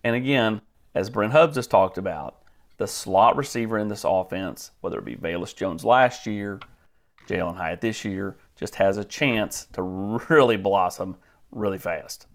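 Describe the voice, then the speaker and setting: A man talking as a guest analyst on a sports podcast, measured and filler-heavy, often repeating words. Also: fairly low pitch. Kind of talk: casual podcast chat.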